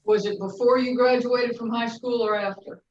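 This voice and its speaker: A woman's voice: fairly high pitch, fairly even intonation, slight background noise. Woman prosecutor in a courtroom recording. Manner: brisk, formal questioning. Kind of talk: courtroom witness questioning. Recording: roomy, distant, dull courtroom recording.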